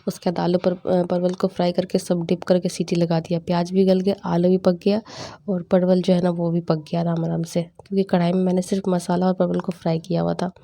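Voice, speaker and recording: A young woman in casual voice-over narration for a home vlog, chatty and animated as she retells family banter. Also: fairly low pitch, brisk, vocal fry. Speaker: vlogger.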